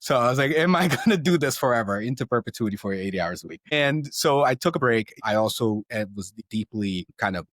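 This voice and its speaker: A man in his thirties, raised in Brazil, telling his story in a casual interview, energetic, often adding "right?" and repeating words. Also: medium pitch, brisk, hardly any pauses, no echo. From Southeast Brazil. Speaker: guest.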